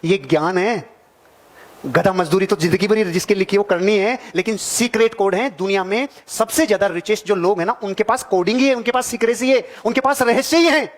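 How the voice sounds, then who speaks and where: A man's voice: sits high, brisk. A man giving a motivational seminar talk to a live audience, emphatic and repetitive, calling on listeners directly. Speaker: motivational speaker.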